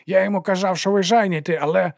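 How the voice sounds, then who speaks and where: A man's voice: high-pitched, fairly even intonation, quick pace, no echo, studio quality, voice pushed up. A man voicing Igor, an eager male servant who talks with a lisp.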